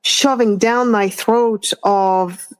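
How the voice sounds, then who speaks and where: Woman, from France, thirties, casual co-host chat, slow unhurried pace, hesitant with fillers. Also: medium pitch, fairly even intonation, clear, resonant tone. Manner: hesitant, many fillers and restarts. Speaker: podcast co-host.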